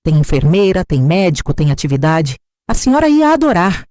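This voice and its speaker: A woman's voice: on the low side, sing-song, fairly quick, darkish tone, no room sound, studio quality. A woman putting on a fake-sweet, scornful daughter-in-law. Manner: mocking, falsely caring.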